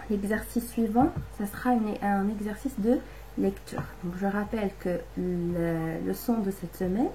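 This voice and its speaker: A woman gives a reading lesson to young children, breaking words into syllables with patient care. Her pace is slow and deliberate and her voice sits warm and soft. A light hiss of room ambience runs underneath. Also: medium pitch, rough recording. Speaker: primary school teacher.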